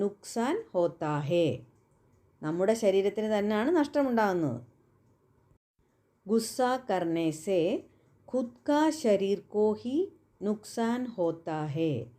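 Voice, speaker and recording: A woman whose first language is Malayalam, teaching everyday Hindi phrases and repeating each example slowly and carefully. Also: medium pitch, warm tone. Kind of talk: spoken language lesson.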